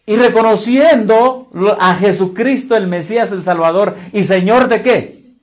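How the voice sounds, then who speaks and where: Mexican guy preaching, high voice, keeps asking the crowd "what?" and dragging out key words. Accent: Mexican Spanish. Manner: quizzes the listeners with repeated questions; emphatic, drawn-out stresses. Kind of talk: sermon.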